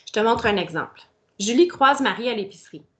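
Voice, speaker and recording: A woman's voice: on the high side, animated, a little fast, a bit bright. A woman teacher, explaining a grammar lesson step by step and speaking directly to the pupil. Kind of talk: recorded grammar lesson for children.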